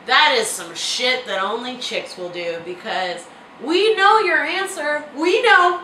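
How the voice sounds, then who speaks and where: A woman co-hosting a casual recap chat, animated and laughing, swearing freely. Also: high voice, unhurried, a little hiss or hum. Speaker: co-host. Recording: roomy echo, distant mic, faint ambience.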